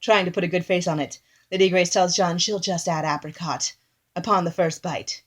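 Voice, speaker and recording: A woman's voice: on the low side, fairly even intonation, normal speed, a little hiss or hum. A woman performing a comic bit, reading dated entries from a joke diary in a chatty, giggly way. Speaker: comedy performer.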